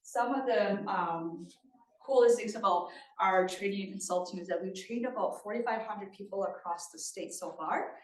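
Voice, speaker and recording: A woman's voice: medium pitch, moderate pace. A woman from Thailand giving a conversational presentation at a community meeting, often checking in with her listeners. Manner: engaging, often checks in with the audience. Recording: roomy sound from a distant mic.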